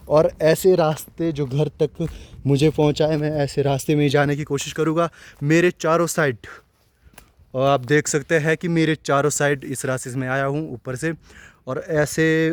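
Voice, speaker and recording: A man narrating a walking vlog outdoors in a dense forest, chatting loudly to the camera as he goes. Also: a little high, no room sound. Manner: chatty, talks loudly to warn animals. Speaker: nature vlogger.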